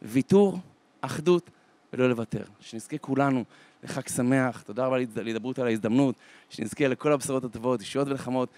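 A rabbi giving an inspirational holiday talk as a dramatic storyteller, slowing down to stretch his words for emphasis. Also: no room sound. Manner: dramatic storyteller with wide swings in pitch and loudness; slows to a drawn-out, deliberate delivery for emphasis. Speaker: rabbi and lecturer.

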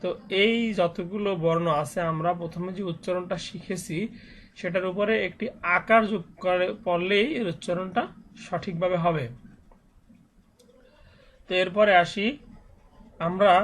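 A man teaching Quran reading in a step-by-step tutorial, patiently explaining and slowly reciting each letter sound. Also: high voice, a bit bright.

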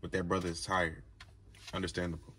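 A man chatting casually with friends in a quick, laid-back, slangy way. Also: low voice, flat delivery, bright, forceful tone, a little hiss or hum. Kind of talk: casual chat among friends.

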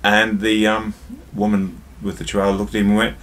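A man's voice: on the low side, completely flat delivery, brisk, a bit bright. A man hosting a casual drinks review vlog, chatty and jokey, talking straight to his viewers and telling a joke along the way.

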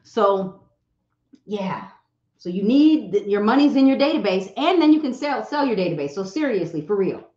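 A woman giving social media advice to an audience, talking in a direct, teasing and animated way. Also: medium pitch, normal speed. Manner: animated, direct, teasing, acts out quoted voices. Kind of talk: motivational talk to an audience. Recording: roomy, slightly dull sound.

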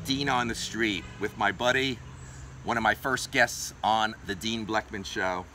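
A middle-aged man with a fairly low voice hosts an outdoor street interview in a parking lot. He fires off quick, upbeat questions. Passing traffic and outdoor ambience come through clearly behind him. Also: sharp tone. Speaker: host.

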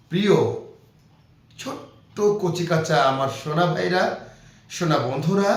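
A man teaching grammar to young children, explaining slowly and repeating each point. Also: fairly high pitch. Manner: slow, repetitive explaining to young kids. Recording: very echoey room.

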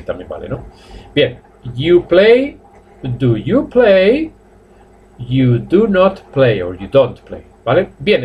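A man from Spain with a Spanish accent, teaching a live online English class, explaining in Spanish and modelling slow drill sentences in English. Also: mid-range voice, dull audio, a little hiss or hum. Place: language academy classroom.

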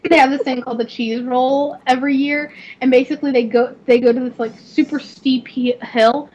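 A young woman with a Southern accent, chatting and giggling in a rambling, excitable way while live-streaming a game. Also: high voice, a little fast. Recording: slightly dull, faint noise.

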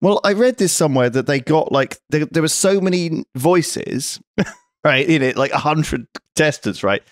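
A man's voice: on the high side, animated, normal speed, no room sound, studio quality. A man co-hosting a casual podcast who talks through his points and keeps checking in with "right?". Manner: chatty, ends points with "right?". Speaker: podcast co-host.

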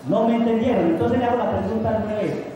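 A man's voice: sits high, fast talker, mellow, a faint crowd. A middle-aged man, a priest, preaching a sermon. He asks the congregation questions and answers them himself. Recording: echoey hall recorded from far off.

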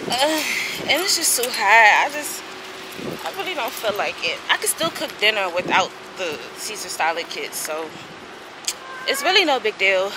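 A woman's voice: mid-range voice, big pitch swings, normal speed. Chatty woman vlogging, y'all-heavy. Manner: chatty, addresses viewers as y'all. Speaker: lifestyle vlogger. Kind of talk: casual vlog talk to camera. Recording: noisy outdoor camera audio.

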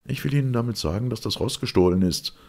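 A man with a husky voice reading a curt, urgent young man in a detective audiobook. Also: medium pitch, quick pace, a little mellow, pitched above the performer's own voice, lightly acted.

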